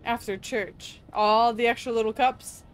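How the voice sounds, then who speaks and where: A woman's voice: on the high side, steady tone, unhurried, a little hiss or hum, low-quality recording. A woman chatting casually while gaming with a friend, playfully teasing and swearing freely. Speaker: co-op game streamer.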